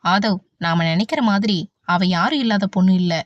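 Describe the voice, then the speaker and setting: A loyal young friend who keeps everyone calm with a soothing manner, voiced by a woman narrator. The recording is dry and a little dull. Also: high voice, moderate pace, no echo, lightly acted. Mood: anxious.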